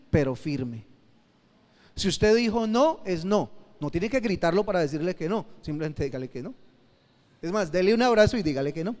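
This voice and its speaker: A male pastor with a fairly high voice gives a teaching sermon, emphatic and direct, driving points home by repeating them. His voice rings out with a long hall reverb behind it. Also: darkish tone, smooth. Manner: emphatic, repeats key phrases, addresses listeners directly. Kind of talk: teaching sermon at a church conference.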